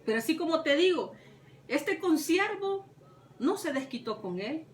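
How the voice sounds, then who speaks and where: High-voiced woman preaching in an echoey room. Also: big pitch swings, measured pace. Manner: retells scripture with many repetitions and rhetorical questions. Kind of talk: Bible teaching. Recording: echoey room, mic at a distance, faint ambience.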